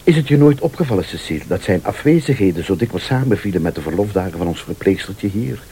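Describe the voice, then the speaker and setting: Playing an accusing, insistent man in a radio play, this actor with a Flemish accent sounds deliberate and probing, occasionally sardonic or pleading. He has a low, dark voice with lively intonation, and there's a little hiss or hum on the recording.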